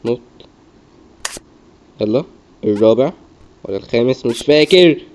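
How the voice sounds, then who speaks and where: A young man with an Egyptian Arabic accent gives animated gaming commentary at normal speed, his medium-pitched voice a little mellow. He keeps muttering the same self-coaching, heard through a dull lo-fi mic with faint noise.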